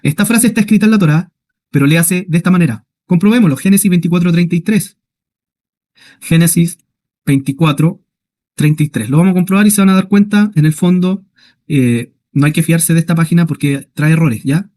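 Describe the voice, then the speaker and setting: A man gives an online class lecture as a Hebrew teacher. His voice sits a little high, and he checks in often with his listeners. He slows down to read words out syllable by syllable. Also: a little mellow. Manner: explains slowly, asks "¿ya?" and "¿cierto?" often.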